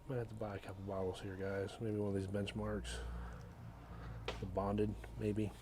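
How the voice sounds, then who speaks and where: A man's voice: fairly low pitch, level tone, moderate pace, background noise. A man co-hosting a bourbon vlog, half-whispering dry, joking price comments while walking a liquor store aisle. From Tennessee. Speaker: bourbon reviewer and channel co-host. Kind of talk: casual walk-through vlog.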